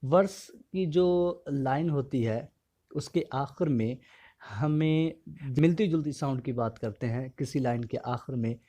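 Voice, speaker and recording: A man giving an exam-prep literature lecture, asking a question and then answering it in a steady, explanatory way. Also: mid-range voice, unhurried. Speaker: English literature teacher.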